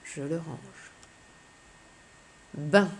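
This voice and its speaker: Speaking in a low voice over a slight hiss or hum, a female teacher leads young children through a slow, clear phonics lesson, spelling each letter out patiently.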